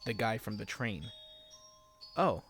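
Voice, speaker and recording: A man's voice: medium pitch, normal speed, soft background music. A man narrating a first-person horror story in a dry, sarcastic way. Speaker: creepypasta narrator.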